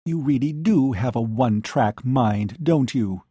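A man's voice: medium pitch, lively intonation, measured pace, mellow, breathy edge, no room sound, studio quality. A man reading an audiobook, voicing a young woman bar owner who speaks coldly and acerbically. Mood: sharp. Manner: clipped and cutting.

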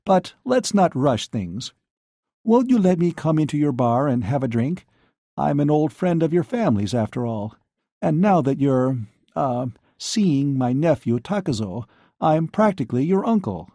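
Brief: male reader playing a lecherous, worn-out professor in his forties, smooth and coaxing, raised a little in pitch. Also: sing-song, measured pace, mellow, no echo, studio quality, exaggerated voice. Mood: ingratiating. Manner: ingratiating, wheedling. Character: weary, lecherous middle-aged male professor, persistent.

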